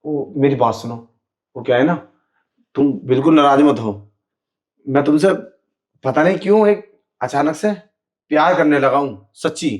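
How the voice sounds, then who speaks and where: A man's voice: fairly high pitch, moderate pace, long pauses, darkish tone. A man in a scripted skit, playing a sleazy man who pretends to be blind, talking in a sly, wheedling way. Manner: sly, wheedling, keeps saying "you know". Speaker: actor in a short skit.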